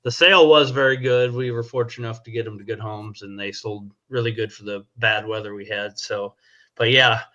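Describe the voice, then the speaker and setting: Podcast co-host, man, crisp bright voice, relaxed halting delivery, muffled lo-fi audio. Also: fairly low pitch. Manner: easygoing, halting with fillers. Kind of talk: casual chat. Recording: dull lo-fi sound.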